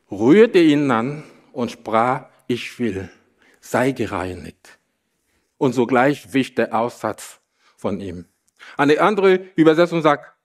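A man preaching a sermon, slow and emphatic, repeating phrases and rising into bursts of emphasis. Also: mid-range voice.

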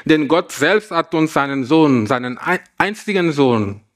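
A man preaching a Christmas sermon, reading a fable aloud and asking the listeners gentle questions. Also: fairly high pitch, lively intonation, measured pace. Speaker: pastor.

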